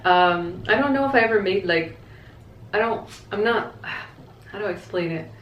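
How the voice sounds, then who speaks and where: In an echoey, roomy and muffled recording, a woman vlogger talks to camera at a normal speed in a medium-pitched voice. She answers viewer questions casually, candidly and reflectively.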